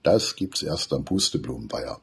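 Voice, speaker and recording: A man reading aloud and voicing a quick, cheeky male squirrel in a brisk, bossy way. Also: a bass voice, expressive, creaky, breathy edge, heavily acted. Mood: lively. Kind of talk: storybook reading.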